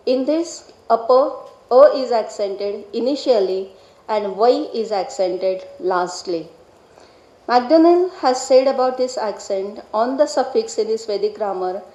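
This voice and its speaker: A woman giving a formal academic lecture on grammar in a measured, deliberate way, carefully spelling out technical terms. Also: on the high side, dark tone, reverberant, rough recording. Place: lecture hall.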